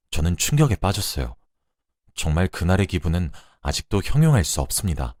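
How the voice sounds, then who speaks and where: A man narrating a radio drama story in the first person, with expressive delivery. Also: low-pitched, dry recording, clean studio sound.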